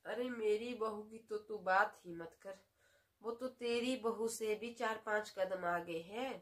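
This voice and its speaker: A woman's voice: medium pitch, a bit bright. An actress playing an elderly woman friend who chats and gossips in a comic sketch. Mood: gossipy. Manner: slow, gossipy chat.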